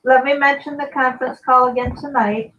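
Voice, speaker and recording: A woman's voice: high voice, fairly even intonation, fairly quick, a bit bright, slight background noise. Woman on a glitchy, cutting-out phone call. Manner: reads out numbers steadily. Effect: buzzy glitchy call audio, cutting out. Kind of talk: casual talk-show announcements. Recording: dull lo-fi phone line that keeps cutting out.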